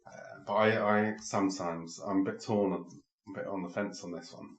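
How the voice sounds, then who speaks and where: Deep-voiced man in easy podcast chat. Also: steady tone, normal speed, echoey room, rough recording. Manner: easygoing, agreeable, frequent backchannel. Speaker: podcast co-host. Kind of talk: casual chat.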